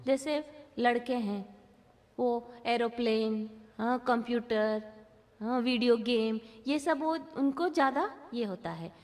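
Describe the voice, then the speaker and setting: A woman's voice: fairly high pitch, slow, a little mellow. A woman giving a spoken lesson to parents, checking in with short questions after nearly every phrase. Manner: keeps checking in with 'haan?' and 'hmm?'. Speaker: parenting workshop speaker. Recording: long hall reverb.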